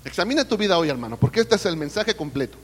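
High-voiced Mexican preacher in a reverberant hall. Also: male voice, big pitch swings, fast, husky. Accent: Mexican Spanish. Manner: addresses listeners as brother, asks the congregation questions. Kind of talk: sermon. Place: church service.

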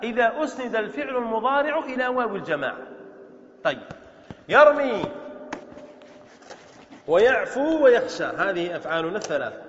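A man's voice: very high voice, big pitch swings, slight background noise. A man teaching a grammar lesson to students in a lecture hall. He stretches out words, repeats them, and asks questions that he answers himself. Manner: explains slowly, repeating words and drawing out vowels. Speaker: Islamic scholar teaching Arabic grammar. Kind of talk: classroom lecture on grammar verse. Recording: dull echoey lecture-hall recording.

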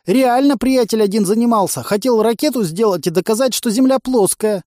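A jittery, cowardly stoner moonshiner who whines and squeals his excuses, as a male audiobook reader puts him on. The voice sits much higher than the reader's own and comes out loud and pushy. It is a dry, close recording. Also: fairly quick, no room sound, close to an everyday voice. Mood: pleading. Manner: whiny, pleading, squeals. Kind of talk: audiobook character voice.

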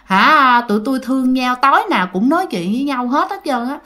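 A woman voicing the jealous, possessive ghost of a young woman, squeaky and taunting. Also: animated, fairly quick, pushed and bright. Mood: clingy.

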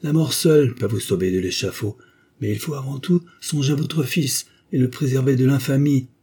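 A man reading a novel aloud, voicing a cold, commanding noble duchess in a raised, forceful voice. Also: mid-range voice, normal speed, breathy edge, voice pushed up, natural voice. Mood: cold, stern. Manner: stern, commanding, solemn. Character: imperious cold-hearted noble duchess, woman. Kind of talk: audiobook character voice.

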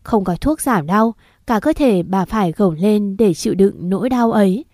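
A woman narrating a grim horror story in a steady, grave storytelling manner. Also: medium pitch, moderate pace, no echo, studio quality.

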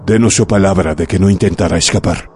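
Deep-voiced reader doing a strict old commander, low and firm. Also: male voice, fairly quick, a little mellow, a little hiss or hum, close to an everyday voice. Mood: stern. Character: stern older male commander, authoritative.

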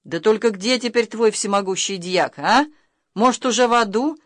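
A reader voicing a mocking, quick-tempered young nobleman in an audiobook, with a sneering, heated delivery. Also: medium pitch, fairly bright tone, no room sound, studio quality, natural voice. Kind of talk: audiobook reading of character lines.

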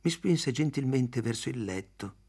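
A man reading a literary novel aloud, in a measured, even storytelling manner. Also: medium pitch, slightly rough. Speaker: audiobook reader. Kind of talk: literary audiobook narration.

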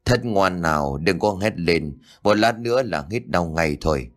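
A man's voice: low-pitched, expressive, unhurried, fairly bright tone. A man voicing a cruel old female sorcerer in an audiobook, cold and menacing, coaxing one moment and wrathful the next. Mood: coaxing menace. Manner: menacing, cajoling then wrathful. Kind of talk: audiobook character voice.

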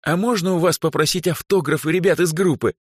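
A man's voice: fairly high pitch, brisk, husky, no room sound, clean studio sound, voice pushed up. A man doing a cheeky, teasing young noblewoman. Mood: bold. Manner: ironic, cheeky, sharply raised voice. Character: teasing bold young noblewoman, self-assured.

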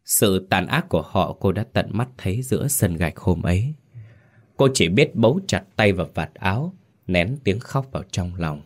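A man tells a ghost story in a grave, dramatic manner. His voice sits very low and deep throughout the narration. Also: lively intonation, moderate pace.

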